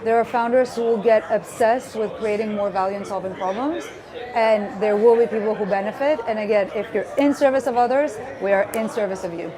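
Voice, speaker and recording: A woman's voice: on the high side, brisk. A woman from Greece in her thirties, a guest speaker in a live interview, talking in an earnest, upbeat way with some restarts. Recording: live event with a crowd behind.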